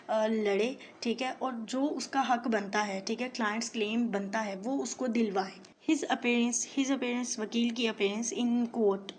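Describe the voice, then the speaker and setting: Pakistani urdu accent woman, online law lesson, slightly high voice, faint hiss behind. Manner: reads each English phrase slowly, then glosses it in Urdu; frequent "theek hai" checks and "uh" fillers. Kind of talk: line-by-line legal text lesson.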